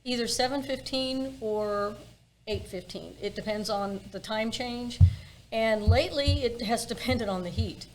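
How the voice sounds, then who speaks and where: A woman's voice: on the high side, a little slow, low-quality recording. A woman chatting casually as a tour guide in an interview, telling things in a wry, emphatic way and repeating phrases for effect. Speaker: ghost walk tour guide being interviewed. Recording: clear background ambient noise.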